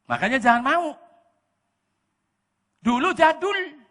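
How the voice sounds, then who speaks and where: Animated high-voiced preacher with Javanese accent. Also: male voice, slow. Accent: Javanese-inflected Indonesian. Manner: animated, bursts into shouting, mixes in Javanese words. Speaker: pastor. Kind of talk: lively preaching sermon. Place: church. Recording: echoey church hall reverb.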